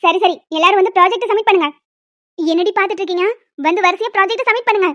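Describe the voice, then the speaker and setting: A woman voicing a strict female college lecturer in a cartoon, who scolds loudly. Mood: stern. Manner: loud scolding, high-pitched and fast. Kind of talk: cartoon voice acting. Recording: dull lo-fi dry sound.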